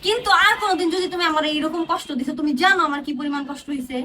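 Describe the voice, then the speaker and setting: A woman scolds her husband in a very high, bright voice. She rattles off complaints at a breakneck pace. A faint hum of noise sits under her voice at home. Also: recorded from a distance. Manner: scolding, complaining rapid-fire. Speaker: wife in a couple skit. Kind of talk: scripted domestic argument.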